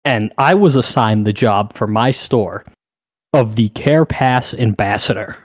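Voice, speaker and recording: A young man co-hosting a podcast, telling a story in an animated, profane way. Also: lowish voice, measured pace, no room sound, lo-fi sound. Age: young adult. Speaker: podcast co-host.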